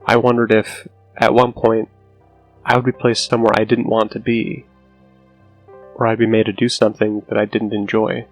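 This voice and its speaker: A man reading a scripted scary story as narrator, with a low, hushed, haunting delivery and a gravelly creak in his voice. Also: little pitch movement, normal speed, pauses often. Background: music under the voice.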